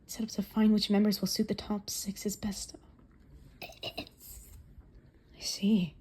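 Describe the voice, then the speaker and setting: A woman voicing a young male football player's inner thoughts in a hushed, tense whisper. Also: mid-range voice, takes it slowly, slightly rough.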